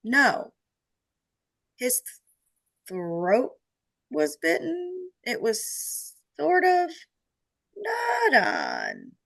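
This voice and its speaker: A woman voicing a brusque small-town male official with a creaky, drawn-out delivery. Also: high voice, huge pitch swings, a bit bright, voice pushed up, heavily acted.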